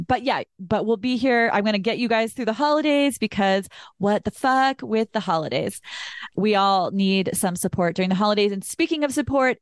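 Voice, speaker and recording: A woman hosting a podcast, talking in a chatty, animated way and swearing freely. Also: medium pitch, no echo, studio quality. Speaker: podcast host. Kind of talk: casual chat.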